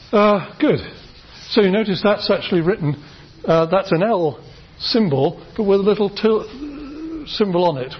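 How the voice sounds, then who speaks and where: With a slightly high, husky voice and a British English accent, a man lectures a university class on phonetics. He explains patiently, demonstrates sounds, and uses lots of fillers and restarts, all captured on a dull, lo-fi lecture-room recording.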